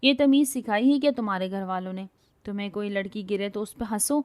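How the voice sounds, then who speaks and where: A woman's voice: medium pitch, flat delivery, close to an everyday voice. Woman voicing a feisty, bossy young woman. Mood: furious. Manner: loud scolding, bragging.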